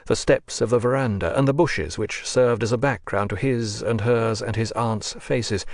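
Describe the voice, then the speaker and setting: A man narrating an audiobook of a classic novel in a measured, even manner, gently lifting his voice for the characters. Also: medium pitch, vocal fry, no room sound, studio quality.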